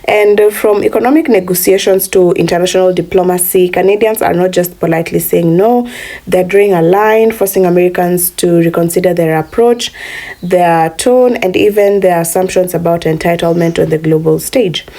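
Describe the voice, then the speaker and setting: A woman narrates scripted commentary in a gravelly, mellow voice. She calls her audience "family" as she talks them through the story. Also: lowish voice, fairly even intonation, normal speed. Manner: addresses viewers as family. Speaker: commentary host.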